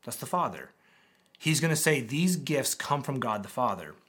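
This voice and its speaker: A man preaching a sermon as pastor to his church, animated with dramatic pauses and scripture reading. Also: medium pitch. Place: church auditorium with congregation.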